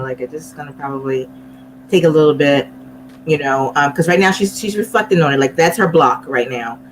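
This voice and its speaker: A woman chatting casually and haltingly, repeating words, as a psychic medium on a livestream panel. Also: low-pitched, a little hiss or hum, low-quality recording. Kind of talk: casual chat. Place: video call livestream.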